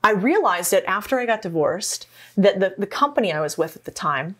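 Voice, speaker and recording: A woman from Arizona talks through her own story in a relaxed interview. She tells it with energy and drops into little quoted voices along the way. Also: medium pitch, a little fast. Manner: animated storytelling, acts out quotes. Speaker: podcast guest, entrepreneur. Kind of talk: casual interview conversation.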